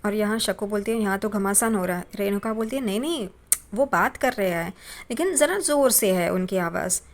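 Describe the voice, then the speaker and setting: A woman's voice: mid-range voice, fairly quick. A woman casually retelling a TV serial episode, briefly voicing each character's lines. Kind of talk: casual storytelling recap.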